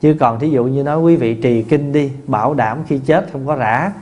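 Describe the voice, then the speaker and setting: A man, a Buddhist monk teacher giving a dharma talk in a folksy, conversational way, with many fillers and restarts and lively anecdotes. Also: medium pitch, normal speed. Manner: tells lively anecdotes with laughter. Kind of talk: dharma talk answering questions.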